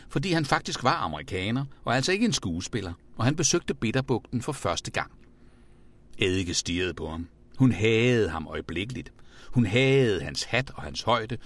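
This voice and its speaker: A man reading a children's storybook aloud in a playful, expressive way. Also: medium pitch. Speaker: narrator.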